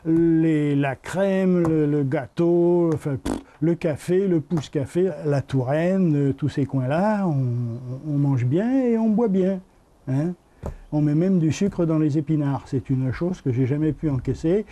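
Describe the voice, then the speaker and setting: A man chatting in a relaxed, anecdotal way during a documentary interview about his eating habits. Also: on the high side, measured pace. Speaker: hospital nutrition workshop participant.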